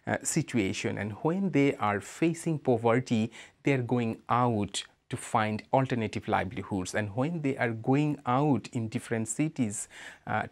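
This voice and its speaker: Speaking in an interview as a migrant rights advocate, a man from Bangladesh talks with a Bangladeshi accent in a lowish, creaky voice. He is measured and hesitant, frequently saying "uh."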